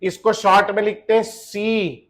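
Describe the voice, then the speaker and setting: In this classroom lecture, a high-voiced man teaches chemistry at a normal speed in a steady tone. He poses questions to his students only to answer them himself, trades jokes with them, and mixes in English phrases.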